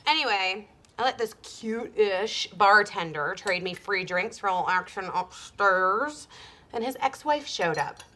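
An actress playing a brash, scatterbrained young party-girl in a sitcom, talking in a loud, bubbly, bragging way. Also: mid-range voice, lively intonation, measured pace. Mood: boastful. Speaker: sitcom character. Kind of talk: sitcom acting.

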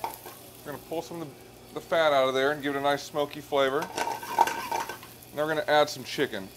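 A chef in his thirties walks through a pasta dish step by step beside a hot stove in a restaurant kitchen. His voice is fairly high and a little fast, and he stays relaxed as he explains each step, with a noisy background and music under his voice.

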